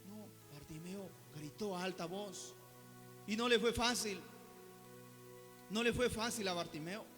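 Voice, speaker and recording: A man preaching a sermon, moving between quiet, soft-spoken asides and loud, fervent exhortation. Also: sits high, a little slow. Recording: reverberant hall with soft music behind.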